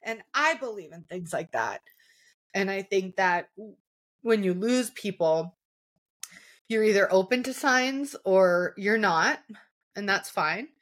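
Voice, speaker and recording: A woman hosting a podcast speaks in a slow, unhurried way. She is reflective and emotional, and her speech is filled with fillers and pauses as she thinks things through. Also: medium pitch, animated, a bit bright. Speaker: podcast host. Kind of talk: conversational interview.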